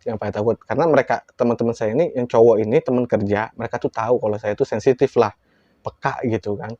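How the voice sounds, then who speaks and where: A man telling a horror story in a casual, lively way, acting out quoted lines with big jumps in his voice. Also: mid-range voice, fast talker, no room sound, dull audio.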